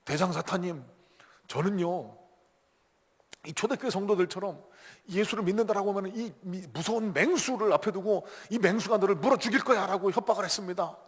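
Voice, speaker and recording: An eager little devil minion reports his schemes to the boss, as a preacher puts him on, pitched high and pushed. The sound carries a long church-hall reverb. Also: moderate pace, gravelly, fairly bright tone, husky, exaggerated voice. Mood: proud. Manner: earnest, reporting proudly.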